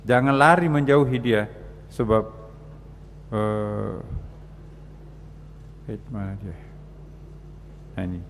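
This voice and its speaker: An older Indonesian man preaching on Sufism in a large mosque, quoting mystics in a raised voice and falling to quiet asides. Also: on the low side, slow pace, long pauses. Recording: long hall reverb with faint hum.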